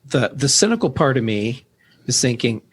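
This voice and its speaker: A man guesting on a casual tech podcast in a mid-range voice. He sounds measured and opinionated, with a dry humor. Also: medium pitch, very animated, slightly rough.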